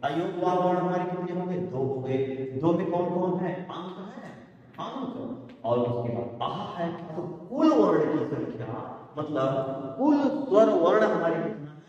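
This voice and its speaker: A man's voice: high voice, sing-song, a little slow, a little mellow, dull audio. A male teacher giving a classroom lecture, asking questions and answering them himself, repeating key words in a sing-song way. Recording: echoey room from far off.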